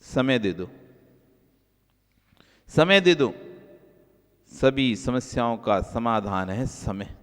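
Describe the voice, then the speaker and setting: A male Jain monk giving a sermon, repeating key phrases and moving between soft low asides and raised, emphatic lines. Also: lively intonation, extremely slow, pauses often, smooth. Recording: long hall reverb.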